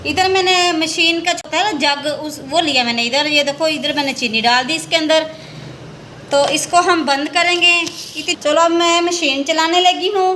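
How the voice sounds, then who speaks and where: A woman's voice: high-pitched, moderate pace, sharp tone, a little hiss or hum. A woman, chatting casually as she demonstrates a recipe in her home kitchen, walking through each step and pointing things out as she goes. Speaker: home cooking vlogger.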